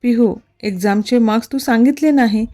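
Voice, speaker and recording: A woman's voice: fairly high pitch, a little fast, mellow, natural voice. A woman doing a scolding stern husband. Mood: angry. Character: stern young husband, strict and irritable.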